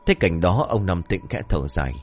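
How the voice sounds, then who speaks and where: A man with a lowish voice narrates a village ghost story as scripted storytelling. His pitch moves a lot as he lifts his voice for the characters. Faint music plays behind him. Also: sing-song, a little fast.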